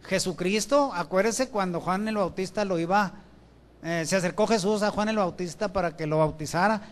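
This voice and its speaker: A man preaches a sermon through a microphone in a church. His voice sits high for a man, and he reads scripture verses aloud. He poses questions to the congregation and answers them himself. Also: normal speed. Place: church with benches. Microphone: handheld or stand microphone.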